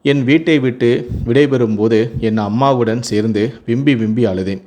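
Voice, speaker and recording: A male storyteller with a mid-pitched voice reads a first-person tale aloud. His delivery is steady and even throughout. Plain scripted storybook narration.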